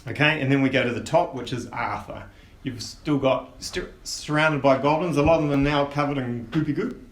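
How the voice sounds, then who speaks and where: Echoey game master, rambling narration. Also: male voice, medium pitch, brisk. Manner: relaxed, rambling narration with many fillers. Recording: echoey room with faint hiss.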